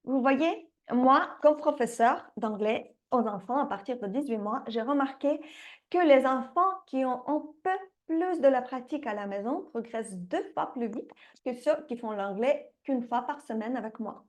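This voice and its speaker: High-voiced woman teaching parents. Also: moderate pace. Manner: lively, addresses parents directly, laughs now and then. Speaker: English teacher for young children. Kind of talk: direct-to-camera online lesson pitch.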